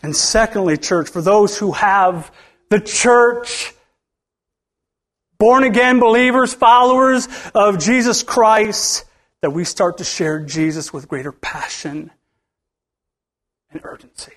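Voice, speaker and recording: A middle-aged male pastor preaching a sermon in a church, swinging from loud, rising lines to hushed ones and calling out for responses from the congregation. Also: sits high, slow pace.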